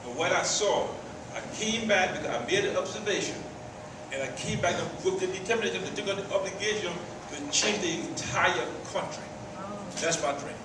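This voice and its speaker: A man speaks in a measured, deliberate way, his voice a bit higher than most men's. He is picked up from far off in a very echoey hall. Clear background noise runs under him. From Liberia. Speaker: audience member.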